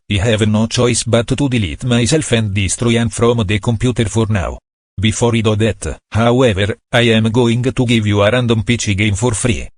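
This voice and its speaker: A man's voice: mid-range voice, no echo, studio quality, lightly acted. A man voicing a smug male computer virus villain who taunts and makes escalating threats in a comedy skit.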